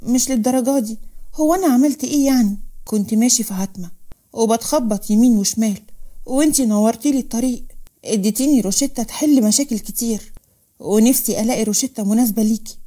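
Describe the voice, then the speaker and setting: Woman reading as a gentle young suitor, Egyptian accent, soft and earnest, quick-spoken, mellow tone, audiobook story. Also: a little high, natural voice. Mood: tender. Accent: Egyptian Arabic.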